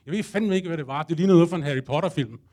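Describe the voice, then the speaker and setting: Animated man telling a wild story. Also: on the high side. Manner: animated, acts out his own panic and thoughts, casual swearing. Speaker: storyteller addressing a live audience. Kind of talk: comic first-person storytelling.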